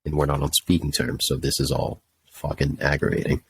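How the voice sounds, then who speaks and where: A man's voice: rumbling low, little pitch movement, fairly quick, a little hiss or hum. A young man telling a story casually, ranting in an exasperated, profane way. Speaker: podcast host telling a story.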